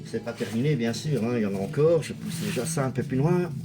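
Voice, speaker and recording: A man's voice: mid-range voice, expressive, fast talker, music in the background. A man casually commenting as a video host, chatty and hesitant, with lots of fillers. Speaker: video host showing a music collection.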